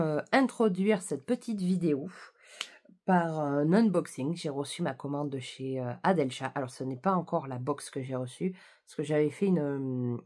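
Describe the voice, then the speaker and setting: A woman's voice: on the low side, a little mellow. A young French woman book vlogger chatting casually, with many fillers and restarts. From France. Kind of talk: casual chat.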